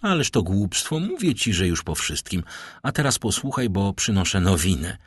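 A man reading an audiobook, voicing a timid, gentle young woman who speaks shyly and softly in a husky voice. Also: deep voice, very animated, normal speed, dry recording, clean studio sound, exaggerated voice. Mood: dismissive. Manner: shy, soft-spoken.

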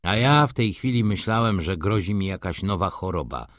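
A man's voice: low voice, lively intonation, moderate pace, a bit bright, no echo, clean studio sound. A man voicing a subdued, reasoning middle-aged merchant in an audiobook. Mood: uneasy.

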